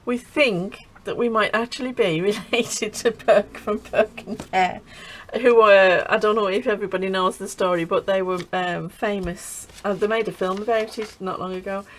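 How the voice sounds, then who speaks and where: A woman's voice: mid-range voice, steady tone, moderate pace, rough recording. This is a middle-aged woman, chatting casually about her crafts and family. She laughs a lot, trails off and starts over, and her voice sits in a middle register. A faint hiss runs under the recording. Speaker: craft channel host.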